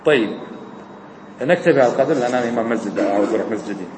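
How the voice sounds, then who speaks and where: Imam guy preaching fast, high voice, loud then soft, echoey big hall. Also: animated, background noise. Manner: fervent, rising to near shouts then dropping low. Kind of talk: sermon. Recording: echoey hall with long reverb.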